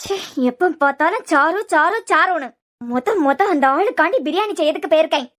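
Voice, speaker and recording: A woman's voice: very high-pitched, brisk, noisy background. A woman voicing a jealous, scheming young woman in a cartoon series, muttering spitefully in a Kanyakumari Tamil accent. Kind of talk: cartoon web series voice acting.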